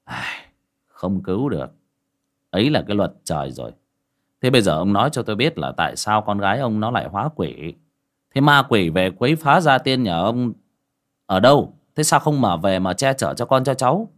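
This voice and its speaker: A man playing a calm young spirit master who scolds a ghost bluntly. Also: lowish voice, moderate pace. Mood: stern.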